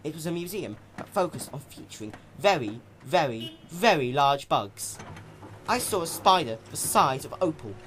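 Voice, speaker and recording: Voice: mid-range voice, sing-song, moderate pace, hardly any pauses, sharp tone, slight background noise, pitched above the performer's own voice. A narrator voicing an insistent, gossipy mare with a hammy, emphatic stage delivery. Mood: dramatic awe. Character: gossipy, insistent pony recounting giant bugs.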